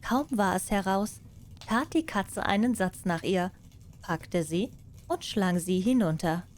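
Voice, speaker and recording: A woman narrating bedtime fairy tales as an audiobook storyteller, in a warm, gentle manner. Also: mid-range voice, lively intonation, a little slow.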